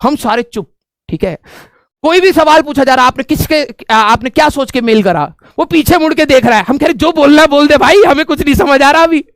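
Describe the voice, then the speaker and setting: Man, very high voice, dry close sound, animated comic storytelling. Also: fairly quick, dry recording. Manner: animated, laughs often, repeats "theek hai" as a filler. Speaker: teacher telling a story to students. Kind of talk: humorous classroom storytelling.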